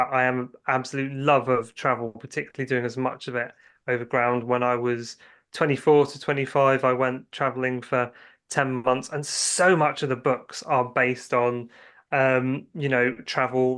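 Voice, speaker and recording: A guest writer and filmmaker, this man chats casually in an interview about his creative work, telling rambling anecdotes that begin hesitantly. His mid-range voice has a fairly bright tone.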